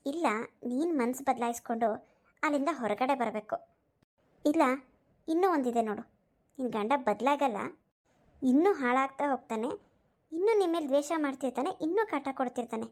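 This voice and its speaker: Woman voicing a loud-mouthed village woman in a cartoon, high voice, lectures and scolds a lot. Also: close to an everyday voice. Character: outspoken village woman, loyal friend and adviser. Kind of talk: cartoon voice acting.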